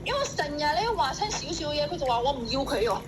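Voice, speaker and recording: A woman's voice: high-pitched, lively intonation, brisk, noisy background. A woman employer complaining on a phone call. She talks insistently and repeats herself. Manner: insistent, repetitive.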